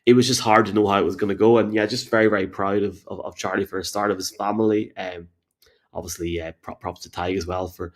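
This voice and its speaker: An Irish man hosts a live sports podcast. His voice sits a little on the low side. He talks casually and conversationally. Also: fairly even intonation, fast talker. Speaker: podcast host.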